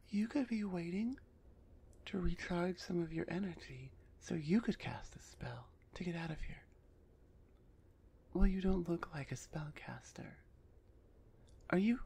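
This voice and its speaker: Husky and frequently half-whispering, a woman plays a gruff minotaur executioner in an ASMR roleplay, treating her captive with impatience and sarcasm. Her lowish voice has a warm tone and an exaggerated delivery.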